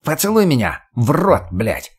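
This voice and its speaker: A man voicing a crude, slow-witted fighter who swaggers and swears with a smirk. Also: a little high, big pitch swings, husky, voice pushed up, heavily acted. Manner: foul-mouthed, smirking.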